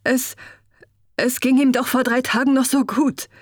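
A shaken sixteen-year-old prince in a spoken storybook, stammering and halting as he searches for words, as a woman reads him. The reading is slow and the recording dry. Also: high-pitched, animated, breathy edge, no echo, voice pushed up, heavily acted. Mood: distraught. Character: young male crown prince, sixteen, shaken and grieving.

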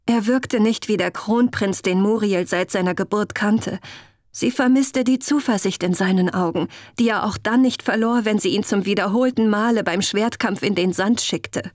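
A woman narrating a fantasy audiobook in a calm, even storytelling manner. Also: medium pitch, moderate pace, no room sound, studio quality.

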